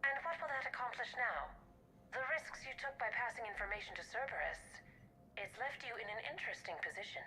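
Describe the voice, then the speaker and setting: An actress playing a cool, controlling female agent in a video game, speaking in a measured, quietly threatening way. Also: fairly high pitch, animated, a little hiss or hum, poor audio. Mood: cool, insistent. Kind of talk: dramatic game acting.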